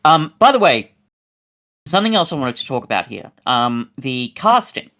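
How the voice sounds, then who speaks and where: A man's voice: mid-range voice, big pitch swings, moderate pace, sharp tone. Guy rambling on a review podcast, lots of restarts, voice jumps up when he gets going. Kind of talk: casual chat.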